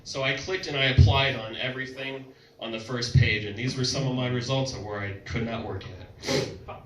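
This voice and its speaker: A young man on a comedy club stage, telling loud and playful stories with sudden vocal outbursts. He sounds distant in an echoey room. Audience noise carries clearly behind him. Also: medium pitch, fairly even intonation, moderate pace. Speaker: stand-up comedian. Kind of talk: stand-up comedy set. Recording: echoey club, mic heard from a distance, noisy crowd.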